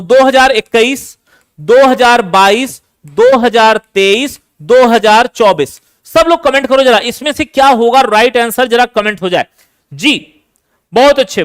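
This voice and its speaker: Male tutor, high clear voice, dry close sound, keeps quizzing the class. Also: dry recording. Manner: energetic, coaxing students to comment; repeats key points and quizzes listeners. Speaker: teacher. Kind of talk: live online exam-prep class.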